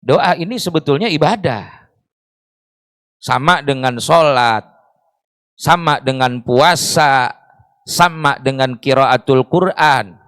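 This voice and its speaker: A man's voice: mid-range voice, slow pace, pauses often, a bit bright, no echo. Man preaching in a dry close sound. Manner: explains with rhetorical questions and Arabic phrases. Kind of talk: sermon. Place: mosque.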